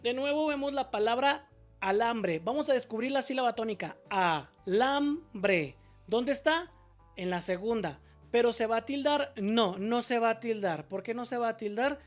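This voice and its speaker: A woman teaching a spelling lesson, her voice sitting a little high. She is patient and goes step by step, asking a question and then answering it herself. Example words come out slowly, stretched syllable by syllable, over faint music in the background.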